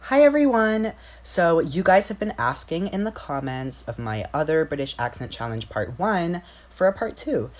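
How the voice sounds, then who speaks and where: A woman's voice: deep voice, sing-song, normal speed, hardly any pauses. A young woman chatting casually to her viewers, hesitant and giggly, with lots of ums. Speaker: TikTok creator. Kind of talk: casual vlog talk.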